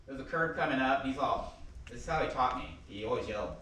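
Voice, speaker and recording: A man giving a casual eulogy for his father, telling stories, laughing and loudly quoting outbursts. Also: medium pitch, animated, quick pace, noisy background. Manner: chatty storytelling with laughs and loud quoted outbursts. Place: funeral service hall. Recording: echoey hall from far off.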